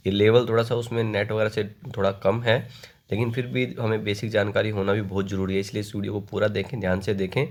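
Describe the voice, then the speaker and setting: A man teaching an online exam-prep lesson, reading out questions and reciting word forms in slow rhythmic lists. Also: fairly low pitch. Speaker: Sanskrit exam tutor.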